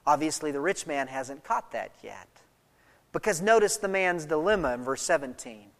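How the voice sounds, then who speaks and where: A pastor preaching a sermon to a congregation in an emphatic, animated way, with chatty asides and a cough from allergies. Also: medium pitch, moderate pace. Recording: long hall reverb.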